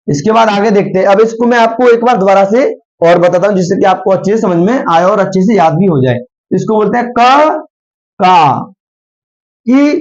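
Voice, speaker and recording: A slightly hoarse man teaching the Hindi alphabet, asking questions and answering them himself while drawing out each syllable. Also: sits high, darkish tone. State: slightly hoarse from a sore throat. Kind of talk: slow spoken Hindi alphabet lesson. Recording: dull lo-fi recording.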